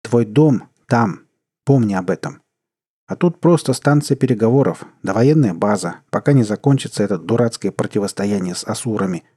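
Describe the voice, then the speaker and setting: A man's voice: lowish voice, expressive, normal speed, dark tone, slightly rough. A man voicing a weary middle-aged king and stern, worried father in a read-aloud story. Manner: heavy, stern, bitter.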